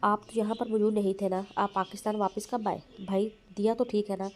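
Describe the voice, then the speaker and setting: A woman's voice: medium pitch, flat delivery, a little fast, a little hiss or hum, close to an everyday voice. A woman voicing a confused, frightened young woman asking anxious questions, in an audio novel.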